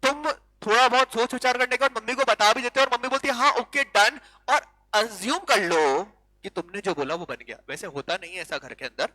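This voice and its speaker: A male law teacher gives an animated classroom lecture in a high, brisk voice, peppering it with rhetorical questions and switching into English. The recording quality is low.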